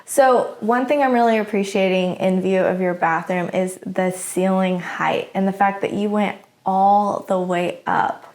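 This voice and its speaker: American woman, mid-pitched, chatty interviewer. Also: steady tone, measured pace, few pauses, a little mellow. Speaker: interviewer touring a home. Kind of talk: casual chat. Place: large bedroom indoors.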